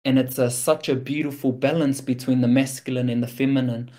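A man's voice: mid-range voice, level tone, a little fast, mellow. A man with a broad New Zealand accent giving a reflective, casual motivational talk in an earnest, informal way, with slang and frequent check-in questions. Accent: broad New Zealand (Kiwi). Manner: earnest, informal, peppered with slang and rhetorical "right?".

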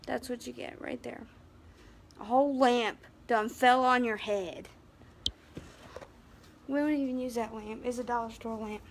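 A woman's voice: a little high, fairly even intonation, a little slow, long pauses, a little hiss or hum. An American woman vlogging casually at home with a handheld phone, talking about her dog and scolding it now and then. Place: inside a house. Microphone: handheld phone camera.

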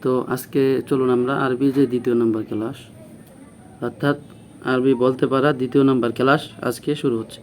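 A man teaching a beginner Arabic lesson, patiently repeating phrases and sounding out each letter slowly. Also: medium pitch, fairly even intonation, a little hiss or hum. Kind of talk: classroom lesson.

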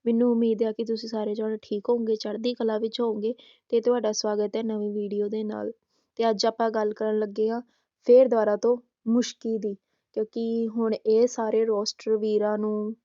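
Taunting woman roasting in a mellow voice. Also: on the high side, dry recording, highs cut off. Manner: taunting, scolding, rhetorical questions. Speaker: YouTube roast host. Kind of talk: scolding roast commentary.

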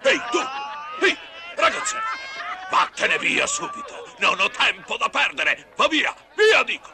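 A man's voice: high voice, big pitch swings, a little slow, a crowd in the background, noisy background, exaggerated voice. A man playing a big, blustering, mocking horse-market auctioneer in a theatrical cartoon dub, with a showman's sarcastic patter. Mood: angry, dismissive. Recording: music behind the voice.

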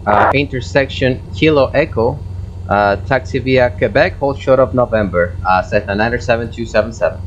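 A man whose first language is Spanish radios a controller as a pilot through a cockpit headset, reading back instructions slowly and carefully with hesitant fillers. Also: mid-range voice, lo-fi sound, a little hiss or hum. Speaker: flight sim pilot on an online network. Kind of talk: pilot radio calls and readbacks.

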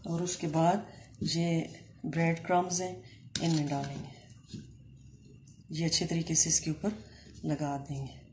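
A woman hosting a home cooking channel, calmly explaining each step of a recipe with short pauses. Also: sits low. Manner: calm, step-by-step explaining with Urdu-flavoured words and short pauses. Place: home kitchen, echoey room. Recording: echoey room with faint ambient noise.

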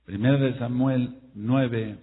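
A man preaching a sermon to his congregation, emphatic, his voice rising and falling, slowing down to spell out words. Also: medium pitch, fairly even intonation, husky. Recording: echoey hall over a tinny phone-like line.

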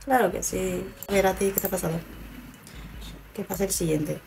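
A woman's voice: medium pitch, steady tone, normal speed, creaky, a little mellow, soft background music, low-quality recording. A woman casually commenting on her gameplay, playfully chatting to her patients with mock-professional pride. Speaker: gaming video host.

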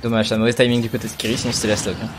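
A man's voice: fairly low pitch, little pitch movement, racing. A man giving casual, analytical esports caster commentary, thinking aloud and repeating phrases. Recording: faint music behind voice.

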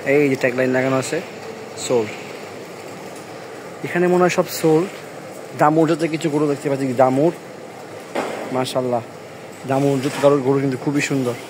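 A young man walking through a large covered cattle shed at night, filming on a handheld phone and excitedly narrating a tour. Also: medium pitch, background noise. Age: young adult. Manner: excited, chatty, gushing over the animals. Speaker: vlogger touring a cattle farm. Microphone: handheld phone camera.

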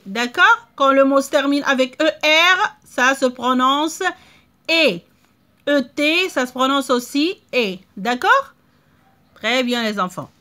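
A woman teaching a reading lesson to young children, stretching out words slowly and checking in often. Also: high-pitched, sharp tone. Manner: slow, drawn-out word modeling with frequent checks.

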